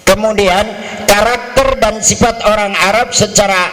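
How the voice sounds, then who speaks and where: A man's voice: high voice, measured pace, poor audio. A middle-aged man giving a humorous lecture to pilgrims as a hajj instructor, acting out quarrels and bargaining. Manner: lively, acts out quarrels and bargaining in mock voices.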